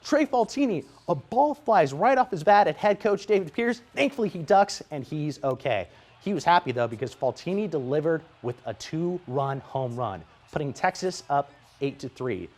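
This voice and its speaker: An American sports reporter narrates scripted highlights with lively play-by-play energy, keeping a moderate pace.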